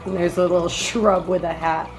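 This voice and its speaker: A woman reads a children's picture book aloud the way a teacher would, with measured, expressive phrasing and short comments. Her voice is on the low side.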